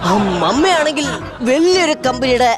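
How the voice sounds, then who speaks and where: A woman's voice: high-pitched, expressive, normal speed, loud music behind the voice. A woman in a comic sketch, playing a melodramatic customer who mixes in English words. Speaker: comedy sketch performer.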